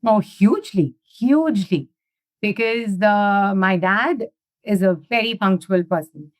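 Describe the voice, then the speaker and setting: A middle-aged Indian woman chats as a guest in a casual interview, leaning on "you know" and "right?" Her medium-pitched voice is expressive and unhurried, and the recording is dry.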